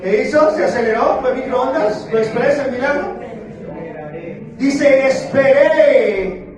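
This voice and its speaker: A man preaching a sermon as pastor, playful and questioning, slowing down for emphasis. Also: very high-pitched, a crowd in the background. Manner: playful, asks the congregation questions, slows down for emphasis. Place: church sanctuary. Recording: very echoey church hall, far from the mic, with music behind.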